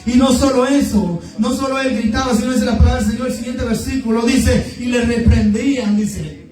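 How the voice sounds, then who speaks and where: Fervent high-voiced man preaching. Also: normal speed, a crowd in the background. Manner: fervent, repetitive exhortation. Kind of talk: sermon. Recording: echoey room, distant mic, faint music.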